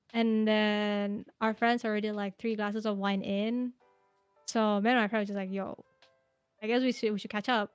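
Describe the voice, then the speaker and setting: In a dry recording, a podcast guest in her twenties rambles through stories in a casual interview chat, giggling and using lots of fillers. Her voice is medium-pitched, clear and resonant.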